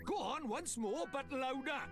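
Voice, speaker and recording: A cocky little fairy lord with a Welsh accent, his voice very high and bouncing all over. He blusters and teases at a quick clip. Faint game music sits underneath. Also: animated. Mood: brash. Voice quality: fast-talking, cheeky, blustering. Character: small cocky male fairy lord, brash. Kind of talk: video game voice acting.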